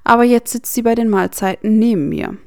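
A woman reading the lines of a hotheaded teenage boy wizard in a German fan audiobook, sharp and defensive. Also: on the high side, brisk, no room sound, studio quality, lightly acted. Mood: defiant.

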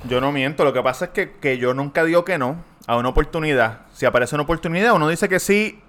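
A man's voice: fairly high pitch, fast talker, fairly bright tone. A man chatting on a podcast, telling rowdy stories and laughing through them. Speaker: podcast co-host. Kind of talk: casual chat, telling a bawdy anecdote.

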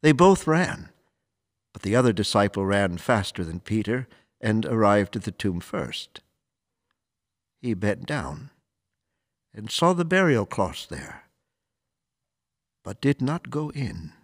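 A man reading scripture and preaching as clergy, solemn and deliberate, with measured pauses. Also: lowish voice, sing-song, no room sound, clean studio sound. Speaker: priest or deacon reading the Gospel and preaching. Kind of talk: liturgical scripture reading and homily.

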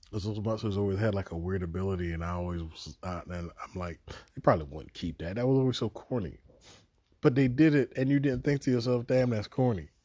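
A man talking through a show review on his podcast in a loose, rambling, profane way, with sudden excited bursts. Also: lowish voice, moderate pace, no echo, clean studio sound. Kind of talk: casual spoken review.

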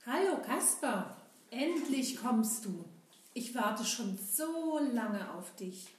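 A woman's voice: on the high side, expressive, slow, a little hiss or hum. A woman voicing an eager young boy who has been waiting for his friend, in a children's puppet play. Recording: echoey room.

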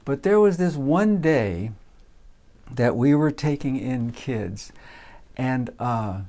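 A man's voice: mid-range voice, slow. Guy telling an old work story, laid back, lots of uhs. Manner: relaxed, many uh fillers, acts out voices in quotes. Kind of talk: casual personal storytelling.

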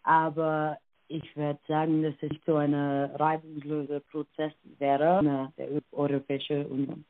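Over a dry, tinny, phone-like line with no echo, a young Irish interview guest responds hesitantly, full of fillers and corrections to herself. She speaks a little slowly in a low voice with little pitch movement and an Irish accent.

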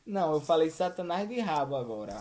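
A young man, his fairly high voice swinging widely in pitch. As co-host, he jokes playfully and laughs often through the word game. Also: sing-song, brisk, darkish tone. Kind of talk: casual chat while playing a word game.

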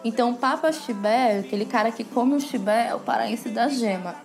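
A woman with a Pará accent, a podcast guest in casual chat, lively and playful. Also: fairly high pitch, moderate pace, creaky, faint music behind.

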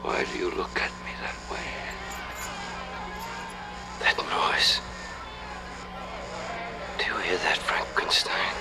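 A man's voice: deep voice, takes it slowly, pauses often. A man playing a tormented, pleading, vengeful monster in a theatrical horror monologue, with an anguished delivery that moves between whispers and cries. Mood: menacing, urgent. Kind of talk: dramatic monologue, horror audio drama.

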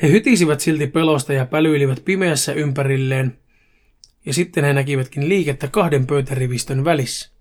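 A man hosting a podcast, reading a crude comic horror story aloud in a brisk, casual way. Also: fairly high pitch. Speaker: podcast host.

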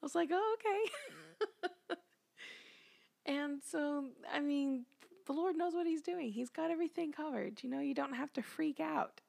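A woman tells the story of her baby's birth as a heartfelt faith testimony. Her voice sits high and carries a gravelly fry. She talks earnestly and often sinks into a hushed whisper. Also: moderate pace.

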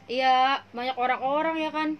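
A woman's voice: high voice, steady tone, normal speed, highs cut off, a little hiss or hum. A young woman hosting a casual podcast, playful and slangy, laughing often. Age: young adult. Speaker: podcast host.

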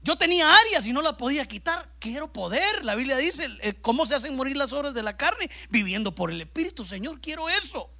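A man preaching a sermon as pastor to a congregation in a church service. He is animated, swinging between loud bursts and hushed asides, and keeps calling his listeners brother. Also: extremely high pitch, fairly quick, few pauses.

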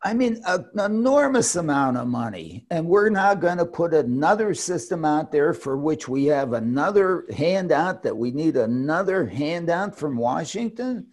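A man's voice: on the high side, very animated, normal speed, hardly any pauses, a little mellow. A man co-hosting a discussion show, talking in an emphatic, exasperated, rambling way with many restarts. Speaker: podcast co-host, commentator. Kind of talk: casual opinionated discussion.

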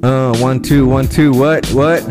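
A man's voice: medium pitch, fairly even intonation, measured pace, music in the background. A man co-hosting a podcast in casual banter, joking and teasing, with a slight lisp. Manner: joking, teasing, laughs often. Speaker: podcast co-host.

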